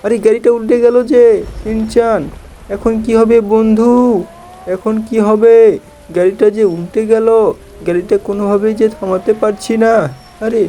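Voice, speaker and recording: A man's voice: high-pitched, level tone, moderate pace, pauses often, mellow, voice pushed up, natural voice. A man voicing a panicky young cartoon boy worried about a flipped car. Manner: panicky, whiny.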